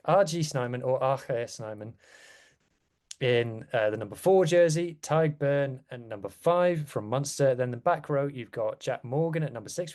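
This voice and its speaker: A man's voice: a little high, a little mellow. A man chatting casually as a rugby podcast guest, with wry, self-deprecating asides. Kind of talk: casual chat.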